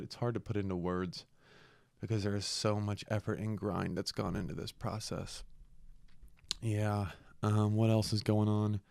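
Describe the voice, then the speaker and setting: A young man with a low, smooth voice talks casually into a dry, close-sounding space. He is congested from a cold and speaks earnestly and reflectively, like a podcast host thinking out loud. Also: dry recording.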